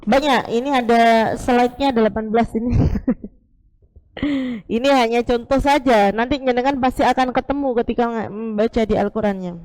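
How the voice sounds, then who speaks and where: A woman teaching Quran recitation to a live class, patiently modelling each sound slowly and repeating it many times. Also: a little high, steady tone, darkish tone, low-quality recording. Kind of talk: live class instruction with group repetition.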